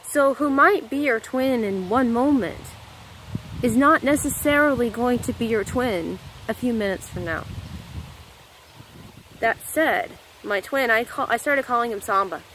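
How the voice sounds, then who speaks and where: A woman's voice: mid-range voice, fairly bright tone, a little hiss or hum, poor audio. An American woman in her thirties giving a casual spiritual monologue to camera, rambling into tangents and correcting herself as she goes. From United States. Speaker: spiritual vlogger.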